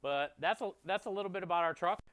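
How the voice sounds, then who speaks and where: This food truck chef chats fast with his stream viewers in a friendly, appreciative, conversational manner. His voice is high and a bit bright, with a little hiss or hum in the audio.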